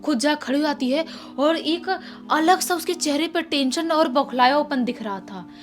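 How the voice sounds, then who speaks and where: High-voiced woman telling a horror tale. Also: moderate pace. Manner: chatty, repetitive, animated retelling. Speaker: storyteller. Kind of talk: casual spoken horror story. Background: faint background music.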